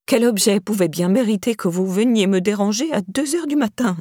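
A woman's voice: normal speed, dark tone, breathy edge, dry recording, studio quality, lightly acted. A woman reading an audiobook, voicing an anxious, insistent woman with a raised, urgent voice. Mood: reproachful. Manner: urgent, pleading, higher-pitched.

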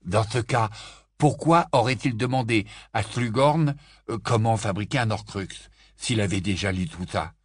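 A man voicing a blunt, impatient teenage boy wizard who talks in loud exclamations. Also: lowish voice, normal speed, dry recording, studio quality, natural voice.

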